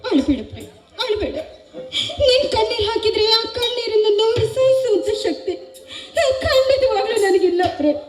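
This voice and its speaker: A woman's voice: very high-pitched, animated, normal speed. A woman playing a guilt-stricken young woman who tearfully pleads, in a melodramatic stage drama. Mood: pleading. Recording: echoey hall with music behind.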